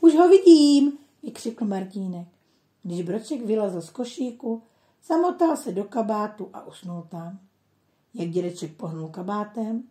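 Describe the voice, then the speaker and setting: Calm female storyteller, mellow voice, roomy echo. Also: medium pitch. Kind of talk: children's story reading.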